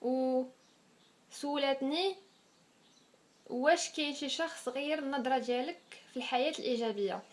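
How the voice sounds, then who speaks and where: In a casual Q&A vlog, a woman in her twenties with a Moroccan accent answers viewers' questions in a high voice at normal speed, pausing often and dropping French words into her speech.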